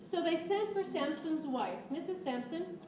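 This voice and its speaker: Woman narrating and directing a church skit for kids, high voice, coaxing and patient, roomy echo, distant mic, background noise. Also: expressive, measured pace. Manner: patient, coaxing instructions mixed with storytelling. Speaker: children's ministry leader directing a Bible skit. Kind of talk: narrating and stage-directing a children's play. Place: church room.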